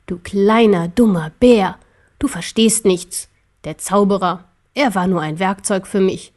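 A woman voicing an arrogant, cruel ancient emperor in an audiobook, speaking slowly and scornfully. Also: mid-range voice, a little mellow, close to an everyday voice. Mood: gloating. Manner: slow, scornful and gloating. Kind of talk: audiobook character voice.

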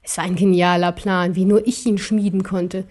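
A woman's voice: on the low side, little pitch movement, a little mellow, voice pushed down, natural voice. A woman reading a storybook aloud, voicing an ancient emperor who speaks through a cuddly cat with a hard, cold, mocking voice. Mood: scornful. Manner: slow, mocking, commanding.

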